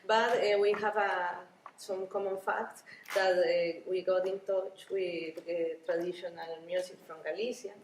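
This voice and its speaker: Woman, halting, in a busy roomy hall. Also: lowish voice, fairly even intonation, a little hiss or hum. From Costa Rica. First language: Spanish. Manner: halting, frequent restarts and small laughs. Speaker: violinist and ethnomusicology researcher. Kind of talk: conference interview. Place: busy conference venue. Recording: roomy, distant, with busy crowd murmur.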